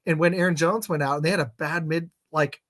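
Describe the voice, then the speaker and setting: A man's voice: fairly high pitch, fairly even intonation, quick pace, fairly bright tone. A man in his thirties hosting a casual sports podcast, rambling with lots of fillers and restarts. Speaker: podcast host.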